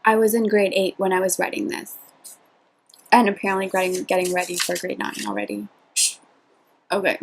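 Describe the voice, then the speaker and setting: A woman's voice: medium pitch, level tone, brisk, creaky, long pauses, a little hiss or hum, rough recording. A young adult woman chatting informally and reading aloud from her diary in an amused, self-deprecating way. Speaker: vlogger. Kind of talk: casual chat mixed with reading aloud from own diary.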